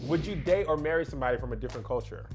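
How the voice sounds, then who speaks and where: A young man hosting a casual panel show, playful and quick with jokey asides. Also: a little high, expressive, music in the background. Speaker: show host.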